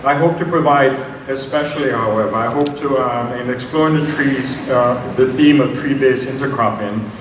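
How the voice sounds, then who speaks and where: A man, giving an unhurried, personal academic lecture with slides and frequent ums. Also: mid-range voice. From Jamaica. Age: 70s. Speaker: invited lecturer. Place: large conference hall. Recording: very echoey hall, distant mic, noisy.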